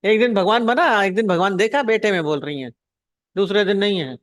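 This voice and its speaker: A woman's voice: mid-range voice, a little fast, no room sound, studio quality. A woman spiritual teacher giving a devotional discourse. She asks rhetorical questions, repeats her points and acts out short anecdotes.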